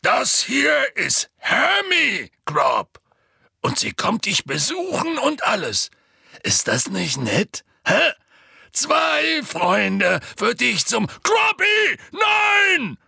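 A man voicing a huge, clumsy half-giant man who calls out loudly and strains his voice to coax and scold, in an audiobook. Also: low-pitched, unhurried, gravelly, slightly rough, no echo, studio quality, pitched below the performer's own voice, heavily acted. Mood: shouting, scolding. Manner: loud, strained calling out, pleading and scolding.

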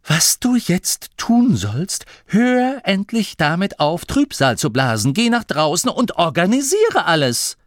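A man voicing a stern, bossy young female gnome in an audiobook, with a sharp, commanding, scolding way of talking. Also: a little high, expressive, unhurried, dry recording, clean studio sound, pitched above the performer's own voice. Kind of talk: audiobook character voice.

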